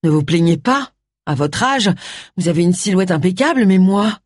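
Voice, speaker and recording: A woman voicing a sharp-tongued, grumbling middle-aged amateur detective in an audiobook. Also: medium pitch, lively intonation, slightly rough, no room sound, clean studio sound. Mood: indignant. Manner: indignant, grumbling, quick retorts.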